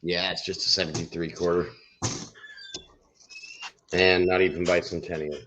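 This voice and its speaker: Man, middle-aged, deep voice, casual conversational chat, livestream host. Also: flat delivery, normal speed, fairly bright tone, a little hiss or hum, low-quality recording.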